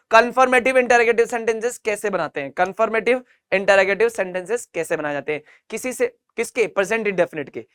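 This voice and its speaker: A male English teacher giving an online grammar lesson. He repeats example sentences slowly and coaxes his students with questions while mixing Hindi and English. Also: high-pitched, fairly bright tone. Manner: switches between Hindi and English, coaxing questions.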